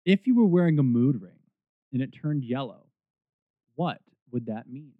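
A man's voice: medium pitch, moderate pace, no room sound. Podcast co-host, man in his 30s, chatty storyteller, thin phone-line audio. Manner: chatty storyteller, animated asides. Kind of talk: casual nostalgic chat. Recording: dry, tinny phone-like sound.

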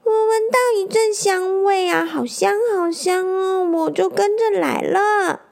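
A woman voicing an eager little boy hedgehog in a storybook reading, speaking in a stammering, excited way. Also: extremely high pitch, measured pace, vocal fry, pitched above the performer's own voice, heavily acted.

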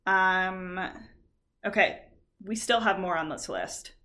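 A woman in her late twenties with a raspy, vocal-fry voice, chatting casually and bluntly as a podcast co-host. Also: fairly low pitch, takes it slowly, sharp tone. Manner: blunt, swearing freely. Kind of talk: casual chat.

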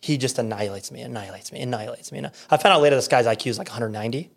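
A man with an American accent, a podcast guest, telling a story in casual, animated chat with lots of fillers and quoted voices. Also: mid-range voice, very fast, gravelly.

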